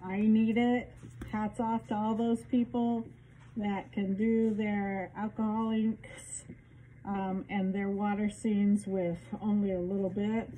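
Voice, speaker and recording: A woman talks through a respirator mask, so her voice comes out muffled even though she is speaking up. She chats casually and pokes a little fun at herself as she works. A faint hum runs under her voice, and her pitch sits in a middle range. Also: takes it slowly. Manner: chatty, self-deprecating, speaking loudly. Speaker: craft tutorial maker. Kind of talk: casual how-to demonstration. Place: home craft area with fans and open windows.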